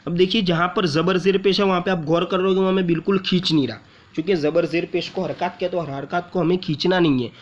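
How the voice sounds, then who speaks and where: A patient man explains tajweed rules step by step, speaking slowly and drawn-out in a slightly high voice. He repeats syllables and stretches long vowels as he demonstrates, on muffled lo-fi audio.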